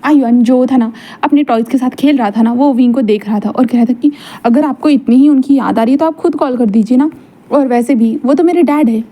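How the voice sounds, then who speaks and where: A woman's voice: high-pitched, fairly quick, dark tone. A woman casually retelling a fan-fiction story in a chatty way, with frequent "and then" links.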